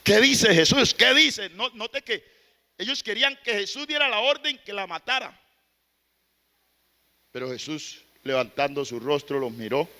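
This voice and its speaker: A man preaching an impassioned sermon, swinging from loud exclamations to hushed, pleading asides. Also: high voice, moderate pace, long pauses.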